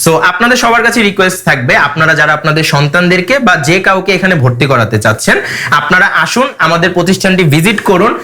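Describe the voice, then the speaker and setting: Male English teacher, high-pitched, brisk and upbeat. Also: lively intonation, bright, forceful tone. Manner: brisk, encouraging, promotional. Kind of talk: classroom address.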